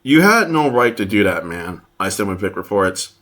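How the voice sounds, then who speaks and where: Guy reading screenshots out loud, kinda bright tone, lots of ums and restarts. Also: lowish voice, big pitch swings. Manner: halting, many fillers and restarts while reading posts aloud. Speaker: commentator reading online posts. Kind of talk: casual commentary over screenshots.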